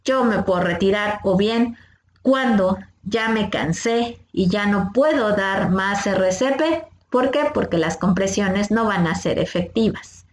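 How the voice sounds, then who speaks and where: A woman's voice: mid-range voice, measured pace, echoey room, slight background noise. A woman, a first aid instructor patiently teaching a class of young scouts step by step and asking them questions. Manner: patient, explains step by step, asks the kids questions.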